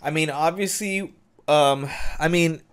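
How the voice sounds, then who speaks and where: A man's voice: on the high side, a little slow, smooth. A man co-hosting a casual podcast, laid-back and swearing freely between dudes and bros. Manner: laid-back, swears a lot, says dude and bro. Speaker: podcast co-host. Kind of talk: casual chat.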